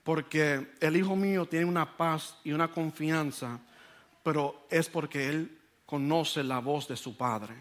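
Guy preaching, tells stories all animated, slips in english bits, voice a bit on the high side. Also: measured pace. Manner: animated storytelling, switches into English phrases. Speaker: pastor. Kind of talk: sermon with personal story.

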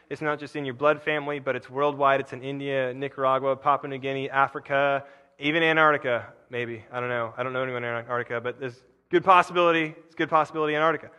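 Man, preacher, casual rambling sermon, bright forceful tone, lingering church reverb, fillers and restarts. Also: clear, resonant tone. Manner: rambling, self-interrupting, with frequent fillers and restarts; bursts into loud, high emphatic paraphrase.

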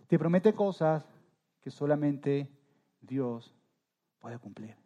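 Man, pastor, sermon, slightly high voice, mellow tone, emphatic rises, soft trailing endings. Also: lively intonation, slow.

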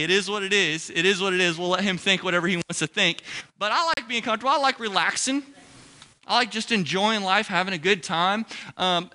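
A young man from Ohio with a Midwestern accent, preaching an energetic, joking sermon to his congregation as a pastor. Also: high-pitched. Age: young adult. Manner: animated, joking, talks to the crowd.

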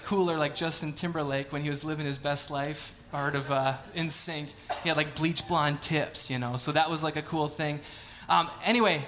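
This late-thirties pastor's sermon starts with a scripture reading and a prayer before he turns to lighthearted stories that poke fun at himself. Recorded in the church sanctuary with slight background noise, his voice is high-leaning with a sharp tone.

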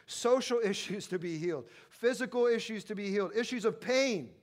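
A man preaching a sermon in a loose, conversational way, full of fillers and chuckles, who builds from quiet stretches to loud, emphatic passages. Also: sits high, brisk. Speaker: pastor.

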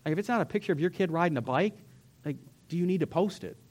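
A man's voice: sits high, fast talker, darkish tone. A pastor preaching an earnest sermon in a church, his voice rising and falling for emphasis. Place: church sanctuary.

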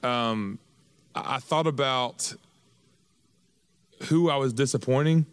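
A man's voice: medium pitch, takes it slowly, smooth, no room sound. Young guy in ministry rambling along, lots of restarts, dry close sound. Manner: rambling, self-correcting. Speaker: youth minister. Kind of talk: casual chat.

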